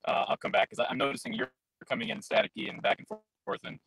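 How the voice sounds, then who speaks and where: A man's voice: high voice, expressive, quick pace, gravelly, fairly bright tone. A man joining a casual sports talk show remotely, apologetic while he fiddles with his connection, heard over a crackly, staticky call line. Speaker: regular co-host joining remotely.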